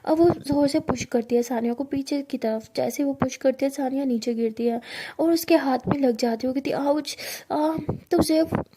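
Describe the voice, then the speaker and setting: A woman narrating a love story in a plain, steady, casual way. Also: high-pitched, fairly quick, background noise.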